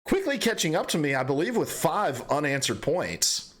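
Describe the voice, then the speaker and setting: A man's voice: fairly high pitch, sing-song, normal speed, a bit bright. Playful man hosting a podcast game. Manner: playful, joking game-show patter. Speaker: podcast host. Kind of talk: casual gaming podcast chat.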